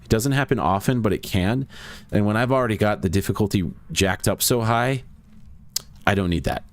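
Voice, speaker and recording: With a fairly low, expressive voice at a moderate pace, a young man talks to his stream viewers as he plays a ghost-hunting game. Between gameplay notes, his casual chatter rambles.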